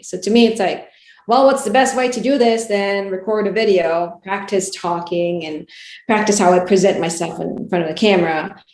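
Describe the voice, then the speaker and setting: A woman chatting casually as an interview guest, giggly and often saying "like" and "you know". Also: medium pitch. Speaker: guest, wrestling ring announcer and reporter. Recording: roomy, echoey sound.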